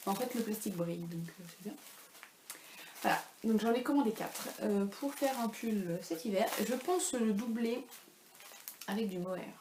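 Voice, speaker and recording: A woman's voice: mid-range voice, moderate pace, dark tone. Rambling woman chatting about knitting at home. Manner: rambling, self-deprecating, many fillers. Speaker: knitting podcast host. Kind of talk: casual chat. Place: home room. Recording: echoey room with faint ambient noise.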